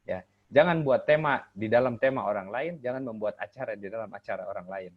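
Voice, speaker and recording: A man coaching on communication over a webinar, explaining points and animatedly acting out how tone and gesture change meaning. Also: brisk. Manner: animated, swings pitch to illustrate intonation. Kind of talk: webinar teaching with spoken demonstrations. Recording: muffled lo-fi online call audio.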